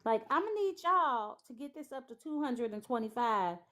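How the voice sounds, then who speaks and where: A woman co-hosting a live stream, blunt and forceful, swearing as she argues her point. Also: on the high side, expressive, normal speed. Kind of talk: casual live stream debate.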